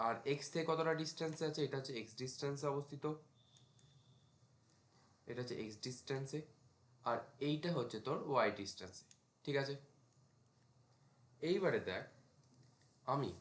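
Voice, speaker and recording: In a reverberant room, a man with a fairly high voice leads an informal math class. Writing as he goes, this tutor walks students through every step and checks their understanding with questions.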